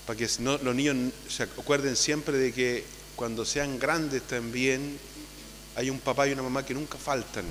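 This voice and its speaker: A man, a priest giving a conversational homily at Mass, often tagging his sentences with a questioning "ah?" and calling loudly when he gathers the children. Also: mid-range voice, steady tone, normal speed. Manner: conversational, tags phrases with "¿ah?". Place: church. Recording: long church reverb with faint hum.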